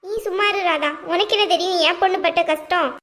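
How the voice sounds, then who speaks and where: A woman's voice: extremely high pitch, fairly quick, a bit bright. A bitter aunt, voiced by a woman in a cartoon. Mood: resentful. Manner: resentful, wailing complaints. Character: bitter grieving middle-aged aunt. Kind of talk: cartoon voice acting.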